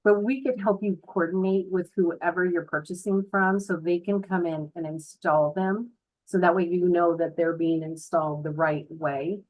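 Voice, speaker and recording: Chatty woman with a lowish voice. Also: poor audio. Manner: chatty, informal, explanatory. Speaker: home builder representative giving a tour. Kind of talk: casual narrated house tour. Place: voice-over talking over a tour video.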